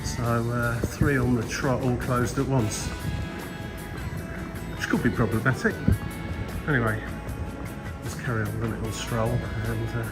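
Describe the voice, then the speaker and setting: A man's voice: medium pitch, fairly even intonation, measured pace, long pauses, over loud music. A man giving casual, rambling travel vlog commentary in a chatty, hesitant way. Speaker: travel vlogger.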